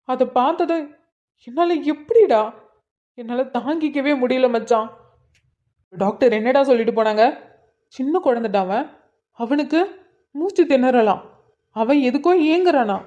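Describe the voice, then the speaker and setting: A woman's voice: fairly high pitch, dark tone, muffled recording, lightly acted. A woman voicing an angry young man who scolds his sister and pleads with his friend, in a cartoon drama. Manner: pleading, accusing. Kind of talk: cartoon voice acting.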